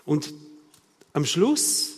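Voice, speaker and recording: A man with a Swiss German accent preaching a sermon in a casual, conversational way, often checking in with his listeners through short tag questions. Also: drawn-out words. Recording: long reverb of a hall.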